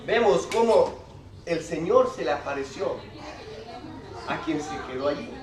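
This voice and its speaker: Preacher heard far off in an echoey hall. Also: male voice, a little high, expressive, unhurried. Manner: explains scripture in a plain conversational way, addressing the congregation as brothers; reads Bible passages aloud with rising emphasis. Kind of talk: sermon.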